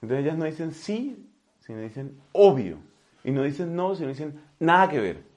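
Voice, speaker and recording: Animated, joking man preaching a sermon. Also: on the high side, normal speed. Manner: animated, repetitive, folksy humor.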